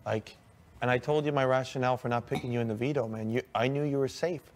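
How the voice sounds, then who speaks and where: Calm man explaining himself. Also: mid-range voice, quick pace. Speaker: reality show contestant.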